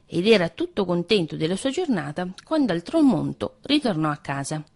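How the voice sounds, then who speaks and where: A woman reads a fairy tale aloud in an expressive, lilting storytelling manner. Her voice sits on the low side but moves widely up and down. The delivery is steady and unhurried, made for a radio story slot. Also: vocal fry.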